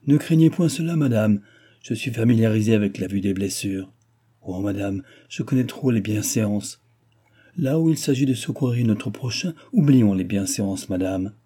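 A man reading the lines of a scheming countess, smooth and insistent in her feigned concern. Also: lowish voice, expressive, normal speed, warm tone. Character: scheming royal favorite, a countess, woman.

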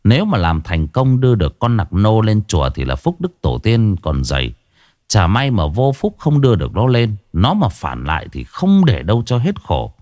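Expressive male ghost-story narrator, lively. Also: fairly low pitch, normal speed, no room sound, clean studio sound. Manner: expressive, dramatic reading.

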